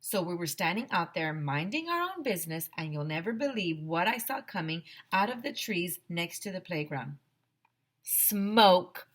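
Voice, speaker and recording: Here a woman teacher performs a children's story for a young audience, dramatic and expressive in her delivery. She speaks at a normal pace in a lower register.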